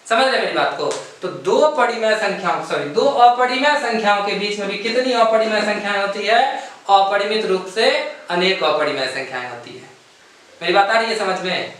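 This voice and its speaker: A man's voice: high-pitched, normal speed, fairly bright tone. A man teaching a math lesson, explaining step by step and often checking that his students have understood. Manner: asks "samajh gaye?" again and again. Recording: echoey room, voice far from the mic.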